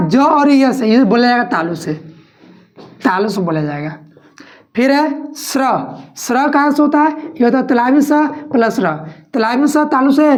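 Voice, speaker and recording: Lady teacher, kinda high voice, keeps asking and answering her own questions. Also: a little mellow. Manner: asks questions and answers them herself, repeating each point. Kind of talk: exam-prep lesson.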